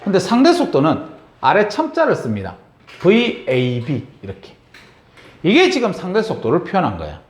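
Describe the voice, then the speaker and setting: This man's pitch is fairly high and his speed normal as he lectures a science class in a reverberant room. Lively throughout, he often stops to ask his students check-in questions.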